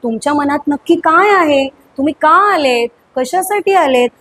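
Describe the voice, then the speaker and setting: A woman teacher singing a children's poem slowly, then explaining it briskly to children with many questions. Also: high voice, animated, a bit bright, a little hiss or hum, rough recording. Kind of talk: school poem lesson, sung then explained. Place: school classroom.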